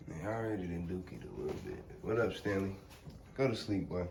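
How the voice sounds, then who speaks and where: An American man talks straight to his viewers in a loose, slangy vlog style. His voice sits a little low. The handheld recording has clear background noise. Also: animated, fairly quick. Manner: informal, slangy, addresses viewers directly. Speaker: animal vlogger. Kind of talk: casual vlog chat to viewers. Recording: noisy on-location handheld vlog audio.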